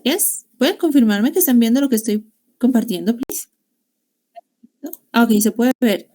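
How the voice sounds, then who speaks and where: A woman's voice: a little high, moderate pace. Woman teaching an online class. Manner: explains grammar in Spanish mixing English classroom phrases; warm, encouraging teacher talk with diminutives. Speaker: English teacher. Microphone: video call.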